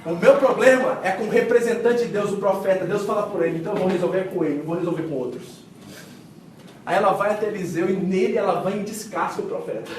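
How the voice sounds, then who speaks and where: A man preaching a sermon as pastor, telling the story with lively acted-out quotes and swings between loud and hushed. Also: sits high, quick pace, a little hiss or hum. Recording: echoey hall miked from a distance.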